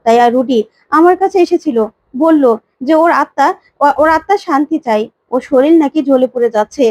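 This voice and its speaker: A woman's voice: high-pitched, brisk, darkish tone, no echo, natural voice. A woman doing a sly scheming older woman. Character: scheming middle-aged woman, sly manipulator.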